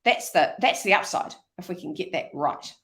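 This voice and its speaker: A middle-aged woman, an energetic leadership speaker talking as an interview guest. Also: on the low side, normal speed. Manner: energetic, animated storytelling. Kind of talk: conversational interview.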